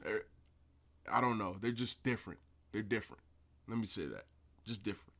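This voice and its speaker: A young man, a pro football player, cohosting a casual podcast chat and telling stories in an animated way, with many fillers and frequent laughs. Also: fairly low pitch, a little fast.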